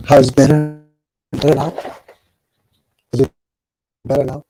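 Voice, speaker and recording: A man's voice: mid-range voice, flat delivery, unhurried, music in the background. A man calling into a live stream, talking hesitantly with many fillers, his built-in mic clipping and distorting. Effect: clipping, distorted built-in mic audio. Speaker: caller. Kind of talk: casual call-in chat.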